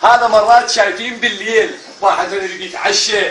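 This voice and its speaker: A man with an Iraqi accent teaching a primary class, animated, drilling the children with repeated call-and-response questions and often calling out loudly. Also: high-pitched, quick pace. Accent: Iraqi Arabic. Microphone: camera at a distance. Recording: echoey classroom, mic far off, loud children and noise. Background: noisy children's chatter.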